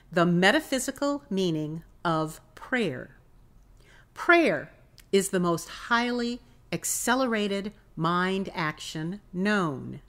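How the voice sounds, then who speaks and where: A woman hosting a church podcast, telling stories and reading devotional texts expressively. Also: fairly low pitch. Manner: expressive, acts out voices in a story. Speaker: podcast host and pastoral nurse.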